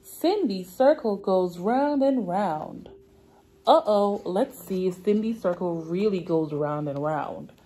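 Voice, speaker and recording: In an indoor classroom, a young woman acting as a preschool teacher reads aloud to small children using simple, repeated, drawn-out phrases. Her medium-pitched voice is animated, mellow and husky, and she takes it slowly. The recording is rough.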